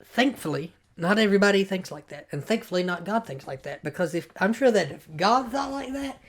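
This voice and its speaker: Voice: mid-range voice, animated, fairly quick. A Bible study teacher talking casually and thinking aloud, often stopping and repeating words.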